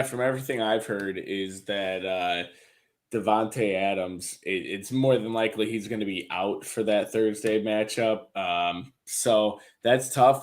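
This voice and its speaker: A man with a slightly low voice, talking in an easygoing way on a sports podcast. He weighs his picks slowly, with frequent ums. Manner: relaxed, hedging opinions with ums. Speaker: podcast co-host. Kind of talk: fantasy football podcast chat.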